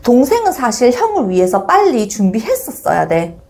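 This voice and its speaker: A woman's voice: on the high side, normal speed. A middle-aged woman giving an informal parenting lecture, telling stories expressively and acting out the examples. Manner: expressive storytelling, acts out examples.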